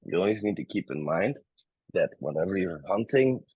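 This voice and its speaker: A man's voice: deep voice, expressive, normal speed, darkish tone, breathy edge, no room sound, highs cut off. A man teaching bug bounty hunting in a casual livestream, chatty and making joking asides to his chat. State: a bit out of breath.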